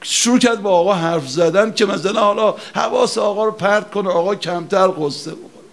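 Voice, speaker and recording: Male preacher, high and impassioned, shouting and chanting a mourning sermon.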